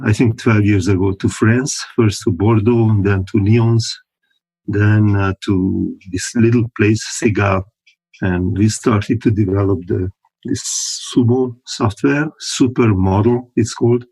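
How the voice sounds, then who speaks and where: A man talks through his answers at an unhurried pace, pausing often to find the right word. His voice sits a little low and has a husky edge. He sounds like a guest speaking from home over a remote call. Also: fairly even intonation, a little mellow, poor audio. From Hungary. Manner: unhurried and thoughtful, many pauses, chuckles between thoughts. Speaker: guest, company founder. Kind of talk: casual interview talk.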